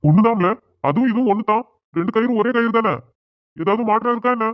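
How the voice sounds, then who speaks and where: A stern, wounded village father in a cartoon drama, played by a man. He speaks high and quick with a reproachful edge. The sound is tinny and phone-like. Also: dry recording, natural voice. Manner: reproachful and sarcastic.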